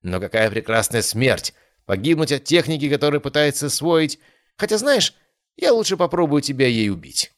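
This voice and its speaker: A man voicing a cocky, thrill-seeking young masked male swordsman who is boastful and excitable. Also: medium pitch, moderate pace, no echo, studio quality, pitched above the performer's own voice, close to an everyday voice. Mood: manic. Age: young adult. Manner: excited, boastful, nervous in turns.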